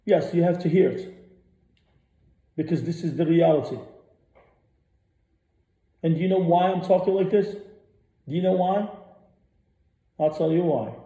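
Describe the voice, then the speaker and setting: A man rants on a radio show, blunt and profane, and he hammers his points again and again. His voice is very dark and sits a little high. The room around him sounds echoey. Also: unhurried, long pauses. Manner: blunt, profane, repeats himself. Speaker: radio host. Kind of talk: ranting monologue.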